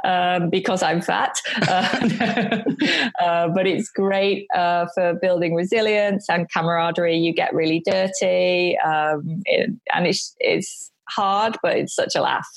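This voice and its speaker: Chatty woman, low gravelly voice. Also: steady tone, slow pace. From north of England. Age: 40s. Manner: chatty, frequent ums, laughs at herself. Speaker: guest, business owner. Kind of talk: casual interview chat.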